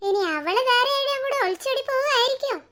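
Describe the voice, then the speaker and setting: A woman's voice: extremely high pitch, fast, background noise. Woman doing a teasing cartoon boy sidekick. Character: teasing young male sidekick friend. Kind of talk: cartoon voice acting.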